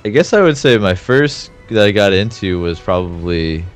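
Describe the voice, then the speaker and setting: A man's voice: on the low side, animated, normal speed, soft background music. A man chatting as a guest on a game stream, teasing and rambling with frequent laughs. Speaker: guest co-commentator. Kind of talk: casual gaming stream chat.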